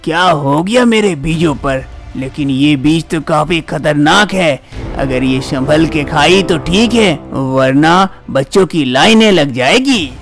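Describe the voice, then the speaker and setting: High-voiced male storyteller. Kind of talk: storytelling narration.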